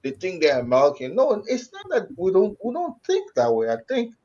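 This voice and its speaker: A man's voice: high-pitched, wildly swooping pitch, brisk, a little mellow. A man with a Liberian accent explaining things conversationally in a talk show discussion, often repeating his phrases. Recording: dull lo-fi audio.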